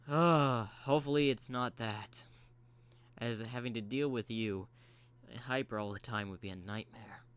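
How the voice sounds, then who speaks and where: A worn-out male robot fox grumbles through his lines, as a man plays him. He stumbles and pauses, sounding half asleep. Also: mid-range voice, a bit bright, smooth, natural voice. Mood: weary. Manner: sleepy, hesitant, full of filler words.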